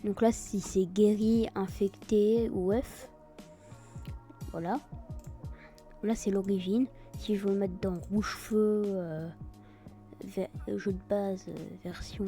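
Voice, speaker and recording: A woman giving a casual, improvised software tutorial in a hesitant way, with a French accent that turns English-like on some words. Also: mid-range voice, fairly even intonation, slow, faint music behind. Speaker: tutorial video host.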